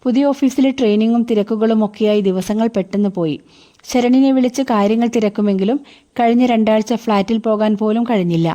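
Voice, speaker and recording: A woman narrating a novel as an audiobook, telling the story in a steady, even way. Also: a little high, fairly quick.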